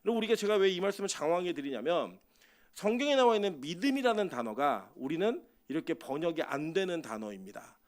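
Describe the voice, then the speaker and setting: A man's voice: fairly high pitch, big pitch swings, fast. A male pastor preaching a sermon at a midweek church service, talking conversationally and telling humorous stories with acted-out dialogue.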